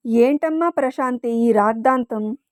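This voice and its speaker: A woman's voice: a little high, a little slow, dry recording, studio quality, lightly acted. A woman voicing a stern old family patriarch. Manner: stern, scolding.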